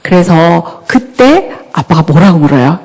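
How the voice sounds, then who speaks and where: A woman giving a church talk on parenting, lively and often asking the audience questions. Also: fairly low pitch, a little slow. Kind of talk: church lecture. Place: church hall. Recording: long hall reverb.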